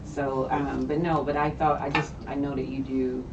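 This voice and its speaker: A woman's voice: extremely low pitch, little pitch movement, moderate pace. A woman hosting a casual radio interview, chatty with lots of fillers and rising questions. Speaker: radio host. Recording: distant, echoey, dull, noisy.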